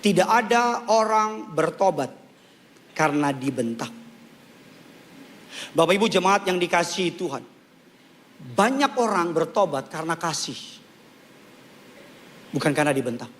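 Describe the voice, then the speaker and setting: A male pastor preaching a sermon to a large church congregation, animated and joking, repeating key lines for emphasis. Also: on the high side, measured pace, long pauses, a little hiss or hum.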